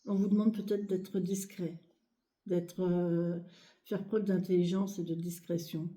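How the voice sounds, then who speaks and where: A hoarse, short-of-breath woman speaking softly and hesitantly with many fillers as she reads cards in a casual video. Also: fairly low pitch, flat delivery, unhurried. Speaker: card reader. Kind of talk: casual tarot reading video. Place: home, near a sleeping child, outdoor birds.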